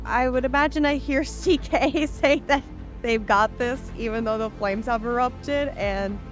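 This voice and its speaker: Slow, hesitant woman playing a tabletop game. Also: a little high. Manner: hesitant, thinks aloud with fillers. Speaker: player. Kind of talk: casual tabletop play.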